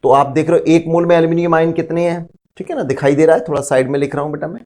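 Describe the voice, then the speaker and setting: A man's voice: on the high side, rapid-fire, a little mellow. A man teaching a chemistry lesson, explaining step by step, asking the class questions and calling his students "beta". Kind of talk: classroom lecture.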